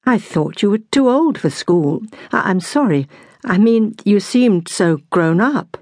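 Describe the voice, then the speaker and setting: A woman's voice: mid-range voice, animated, unhurried, a little mellow, dry recording, studio quality. A woman voicing a polite young British officer. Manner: courteous, formal.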